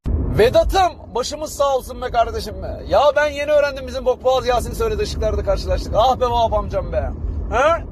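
High-voiced chatty man by traffic. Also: a little fast. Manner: chatty phone-call storytelling. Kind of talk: comic sketch monologue. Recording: street noise outdoors.

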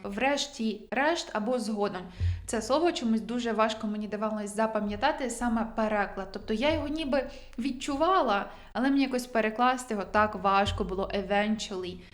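A young adult woman, a native Ukrainian speaker, teaching English vocabulary in a chatty, self-deprecating way and reading her English examples slowly. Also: fairly high pitch. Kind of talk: vocabulary lesson.

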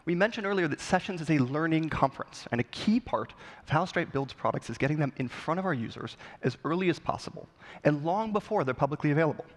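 A man's voice: on the high side, animated, fast talker. A man in his thirties presenting a polished, scripted keynote on a conference stage. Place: large conference hall, on stage. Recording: long hall reverb.

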